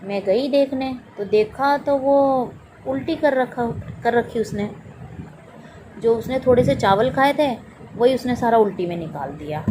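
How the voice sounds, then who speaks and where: A woman's voice: a little high, expressive, measured pace, mellow, a little hiss or hum, rough recording. Woman telling a family story earnestly. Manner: earnest storytelling, acting out her own and her daughter's lines. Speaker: mother telling a personal miracle story. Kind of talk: spoken personal testimony.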